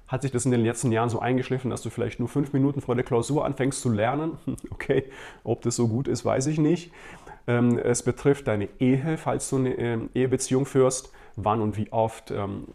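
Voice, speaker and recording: Gravelly-voiced male pastor preaching. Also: medium pitch, steady tone, fairly quick, dark tone. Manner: conversational, many fillers and direct questions to listeners. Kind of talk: sermon.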